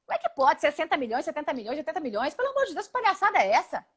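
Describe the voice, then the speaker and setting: A Brazilian congresswoman in her forties, from Paraná, joins a live interview by video call. Her high, sing-song voice carries a Brazilian Portuguese accent as she speaks emphatically and indignantly, often rattling off quick lists.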